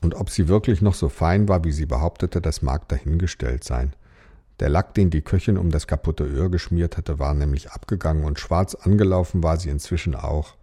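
A man narrating a fairy tale in a calm, dryly wry storytelling manner. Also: rumbling low, brisk, slightly rough.

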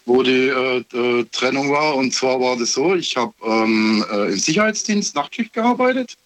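A man's voice: mid-range voice, lively intonation, normal speed. Hesitant male caller from Heilbronn. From Heilbronn, Germany. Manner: hesitant, many fillers and restarts. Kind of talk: recounting a personal story on a call-in. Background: radio playing quietly.

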